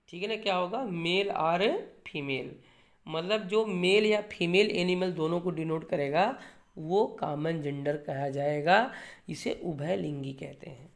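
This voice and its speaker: A man's voice: sits high, gravelly. Guy teaching grammar, asks a question then answers it himself, keeps going "hai na", drops english terms into his hindi. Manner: keeps checking in with "है ना" and "ठीक है ना"; drills key points by repeating them for exams. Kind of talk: classroom-style grammar lecture.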